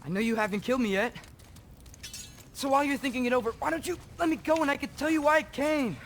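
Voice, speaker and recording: High-voiced, earnest teenage adventurer. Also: male voice, fast, a bit bright, a little hiss or hum. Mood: urgent pleading. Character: earnest, stubborn teenage boy adventurer in a fantasy game. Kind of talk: video game dialogue.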